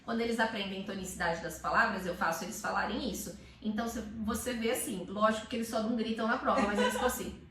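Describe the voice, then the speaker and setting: A woman teacher explaining in casual chat, animated and calling words out aloud to demonstrate. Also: mid-range voice, fast talker, few pauses, echoey room, recorded from a distance.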